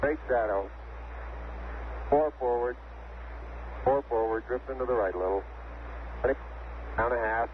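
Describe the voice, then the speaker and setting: A man's voice: mid-range voice, measured pace, long pauses. A spacecraft crew member, a man, making terse numeric callouts over a crackly space radio transmission with beeps. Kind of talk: radio communications. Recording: tinny, noisy archival radio link.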